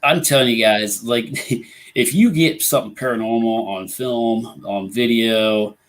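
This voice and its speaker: Speaking a little slowly in a mid-range voice, a Midwestern American man hosts a casual live ghost hunting talk show full of rambling and "you know" fillers. He's just getting over being ill, and his voice is returning.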